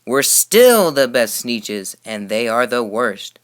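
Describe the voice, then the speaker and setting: Man as loud, haughty storybook creatures. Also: mid-range voice, sing-song, slow pace. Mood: indignant. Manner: emphatic, haughty declaiming. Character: crowd of boastful, indignant beach creatures. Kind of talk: storybook character voice.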